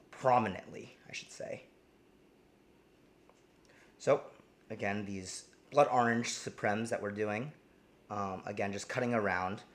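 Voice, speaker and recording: This New Jersey man has a fairly bright tone on the low side. Hosting a relaxed live cooking demo, he reads the chat and rambles along, full of ums and false starts.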